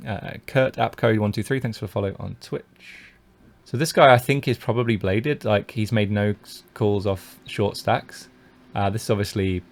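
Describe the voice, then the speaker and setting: Streaming live, a man from the UK talks through his own poker hands in a lowish, gravelly voice. He weighs each decision out loud, with frequent fillers and restarts, and reads out messages from viewers.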